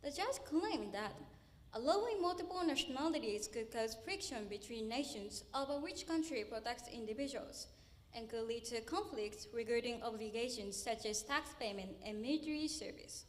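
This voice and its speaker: Young woman student giving a speech on an auditorium stage, high voice, earnest, pauses for emphasis. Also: animated. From Japan. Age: young adult. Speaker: university student speech contestant. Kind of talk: memorized speech contest address.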